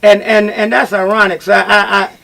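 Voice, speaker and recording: A man hosting a talk radio call-in show, speaking in a halting, repetitive and emphatic way. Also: sits high, level tone, gravelly, pushed and bright.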